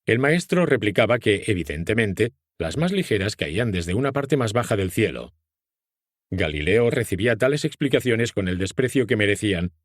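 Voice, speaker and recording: A man's voice: lowish voice, dry recording, clean studio sound. A man with a Castilian Spanish accent reading an audiobook as scripted narration.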